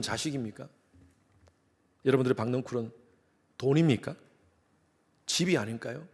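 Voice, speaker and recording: A middle-aged man from Korea, a pastor preaching a sermon in a church and acting out quoted voices with animation. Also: a little high. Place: church sanctuary.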